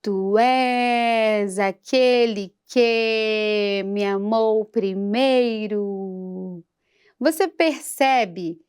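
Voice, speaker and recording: A woman singing teacher giving a patient vocal lesson for a church program and breaking into short sung demonstrations. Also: a little high.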